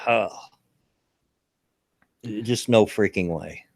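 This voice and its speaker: A man with a Southern US accent hosts a podcast of casual political chat, stammering through restarts and chuckling often. His lowish, darkish voice moves extremely slowly, captured in studio quality with no room sound.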